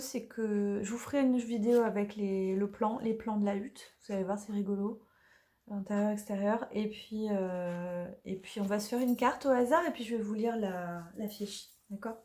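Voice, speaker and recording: A woman casually presenting her oracle deck, chatty and hesitant with many fillers, slightly hoarse from allergies. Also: mid-range voice, normal speed, mellow. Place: dim room in the evening.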